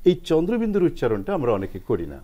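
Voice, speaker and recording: A man's voice: on the high side, wildly swooping pitch, fast, muffled recording. A man explaining pronunciation rules as a guest expert on a TV language program, spelling out sounds step by step.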